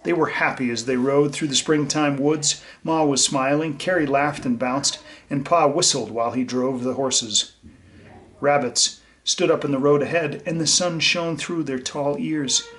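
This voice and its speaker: A teacher reads a picture book aloud to children, his fairly high, slightly bright voice moving at a measured pace on a low-quality recording. He talks to the young listeners simply, explaining as he goes.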